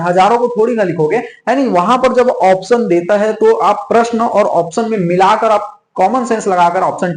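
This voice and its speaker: A man's voice: high voice, roomy sound, poor audio. A man teaching an online exam-prep class, repeating key points over and over and checking in constantly with the students. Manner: repetitive, drills points with frequent "theek hai".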